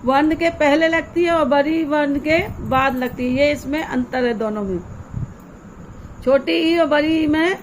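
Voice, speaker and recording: A woman teaching young children in a slow, unhurried way, her voice pitched high and clear. She explains each step patiently and keeps putting questions to her pupils. Faint ambience sits behind her. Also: slight background noise, poor audio. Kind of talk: online grammar lesson for young children.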